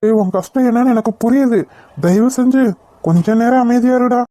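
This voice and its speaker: Calm reassuring friend, voiced by a woman. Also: fairly high pitch, a little fast, dry recording, studio quality, natural voice. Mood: soothing. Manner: soothing, urging patience. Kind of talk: cartoon voice acting.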